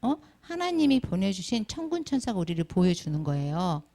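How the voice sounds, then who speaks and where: Very animated and brisk, a middle-aged woman with a lowish, creaky, mellow voice teaches Sunday school. She calls on the children by name and fills her sermon with questions to the class.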